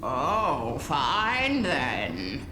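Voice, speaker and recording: An actor voicing a grumpy, scornful toad of the frog folk in a story, with a slow, pompous croak. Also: male voice, medium pitch, huge pitch swings, sharp tone, slight background noise, heavily acted. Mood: grumbling. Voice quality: croaky, gravelly. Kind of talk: scripted audio storybook acting.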